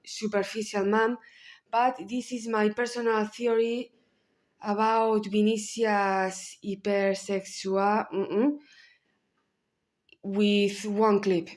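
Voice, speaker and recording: A woman's voice: mid-range voice, little pitch movement, takes it slowly. A woman in her thirties with a Spanish accent, giving a candid film analysis with blunt asides. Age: 30s. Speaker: video essayist.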